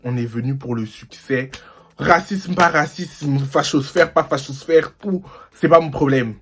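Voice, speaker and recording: A young man from the Paris suburbs telling a slangy, animated storytime to his viewers. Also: a little high, unhurried, noisy background. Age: young adult. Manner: animated and slangy, mimics people. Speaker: vlogger. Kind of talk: storytime vlog.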